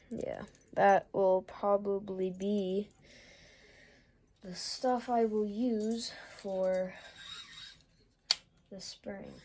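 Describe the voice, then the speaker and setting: A young woman talks through her fishing gear in a loose, unhurried ramble, full of "uh" and "um" as she goes. Her voice is mellow and warm, and she takes her time between phrases. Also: medium pitch. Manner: rambling, many fillers and trailing pauses. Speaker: fishing vlogger. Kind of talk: casual gear walkthrough.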